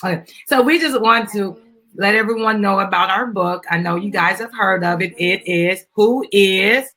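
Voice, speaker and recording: An American woman, a business founder and mother of a young child, hosts a casual live video, chatting informally with viewers while promoting a children's book. Her medium-pitched voice is a bit bright and moves at normal speed.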